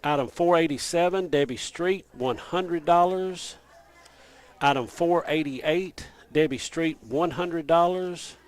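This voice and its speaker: A man hosting a local radio auction, reading out winners' names and bid amounts in a steady rapid list. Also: a little high. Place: radio studio.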